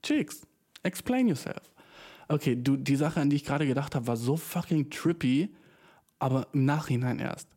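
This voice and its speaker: A young male podcast host rambles through a casual solo monologue. His voice sits at a mellow, relaxed, mid-range pitch, and his talk is loose, profane and full of slang borrowed from English. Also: brisk.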